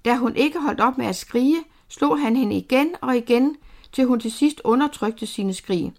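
A woman narrating a novel aloud in a steady, measured storytelling manner. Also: a little high. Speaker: audiobook narrator.

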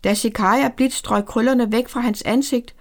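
A woman narrating a story aloud in a calm, measured way. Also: a little high. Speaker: audiobook narrator. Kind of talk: scripted narration.

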